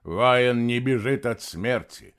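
A man's voice: fairly high pitch, unhurried, voice pushed up. A man reading an audiobook, voicing a stern, proud warrior who talks with solemn command. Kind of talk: audiobook narration.

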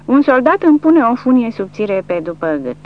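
A woman's voice: a little high, very animated. A woman narrating a war novel as an audiobook, reading with dramatic emphasis. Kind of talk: scripted narration. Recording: dull lo-fi recording with faint hum.

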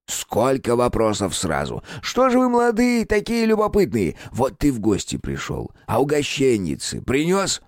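A man voicing a small, furry, ancient house spirit in an audiobook, creaky and grumbling, teasing the boy he talks to. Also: medium pitch, wildly swooping pitch, normal speed, few pauses, darkish tone, dry recording, studio quality, voice pushed up. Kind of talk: audiobook character voice.

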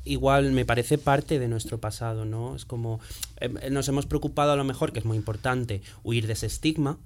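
A man's voice: mid-range voice, fairly even intonation, moderate pace, darkish tone. Chatty man being interviewed. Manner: chatty, self-deprecating, lots of "o sea" fillers. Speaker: writer and interview guest. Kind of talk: casual interview chat.

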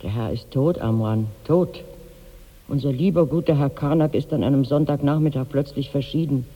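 A man's voice: medium pitch, normal speed, big-room sound, dull audio, lightly acted. An actor playing a mournful, plain-spoken servant in a 1960s radio drama, recounting what he saw. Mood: somber. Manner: recounting, shifting into quoted cries.

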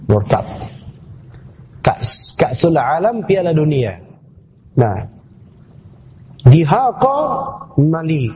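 An Islamic teacher with a slightly high, dark-toned voice gives a classroom tafsir lecture on scripture, breaking down terms step by step and quizzing the class. The recording is dull and lo-fi, with a little hiss or hum.

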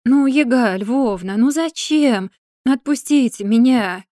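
A woman voicing an exasperated, sharp-tongued young wife who pleads and needles in turn. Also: fairly high pitch, no echo, clean studio sound, natural voice. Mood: pleading. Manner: pleading and sarcastic, drawn-out complaints.

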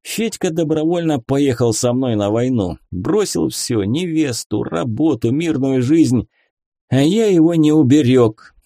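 A man doing a gruff, curt ensign. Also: medium pitch, lively intonation, measured pace, dark tone, no echo, clean studio sound, voice pushed up. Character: gruff, blunt young naval ensign.

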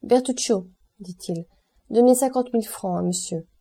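A woman's voice: medium pitch, moderate pace, warm tone, slightly rough. A woman reading the part of an aloof, wealthy male count who speaks in an offhand, commanding way, in an audiobook. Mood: cool, offhand.

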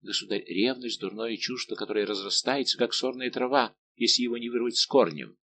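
A man voicing a fragile, heartbroken young woman who pleads softly, in an audiobook. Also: medium pitch, fairly quick, gravelly, a little hiss or hum. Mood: pleading.

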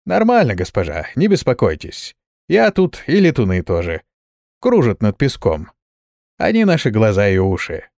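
A man's voice: fairly low pitch, huge pitch swings, normal speed, gravelly, darkish tone, dry recording, clean studio sound, heavily acted. A man reading the lines of a loyal, whiny male dwarf servant who complains a lot. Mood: dutiful. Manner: complaining, plaintive.

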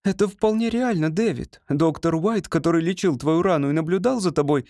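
A man's voice: on the high side, brisk, darkish tone, dry recording, studio quality, pitched above the performer's own voice, lightly acted. A man voicing a young woman who pleads emotionally with her beloved in an audiobook reading. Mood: pleading.

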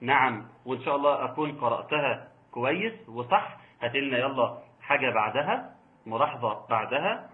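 A man with an Egyptian accent teaching Quran recitation rules online, reciting slowly and patiently correcting his students. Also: medium pitch, expressive, phone-quality sound. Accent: Egyptian Arabic. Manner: slow drawn-out recitation of verse examples, patient corrections.

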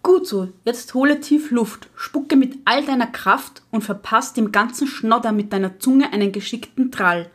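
A woman's voice: on the high side, normal speed, few pauses, natural voice. A woman playing a strict, unflinching witch teacher in an audio drama, giving curt, matter-of-fact instructions. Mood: stern instructing.

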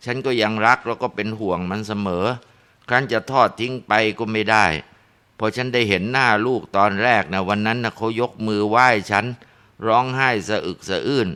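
A man's voice: lowish voice, steady tone, moderate pace, bright, forceful tone, smooth, voice pushed up. A man voicing a grieving middle-aged mother who speaks tenderly of her wayward son. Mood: tender, sorrowful.

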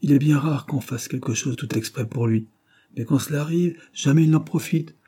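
A man's voice: a little high, normal speed, warm tone, slightly rough, voice pushed up. A man voicing a female household servant who grumbles with faint scorn. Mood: grumbling.

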